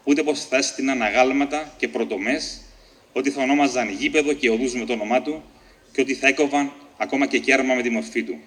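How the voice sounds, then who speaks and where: Man reading his story aloud, measured. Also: mid-range voice, a bit bright. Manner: measured, deliberate reading with occasional slips and restarts. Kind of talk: reading a short story aloud at a book launch.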